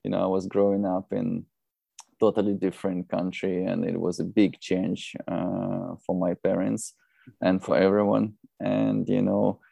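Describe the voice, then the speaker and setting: A man in his thirties from Belarus with a Belarusian accent, a non-native English speaker chatting as a podcast guest in a halting, rambling way. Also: low-pitched, monotone, gravelly, warm tone, dry recording. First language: not English. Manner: halting, rambling, often saying "you know". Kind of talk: casual conversational interview.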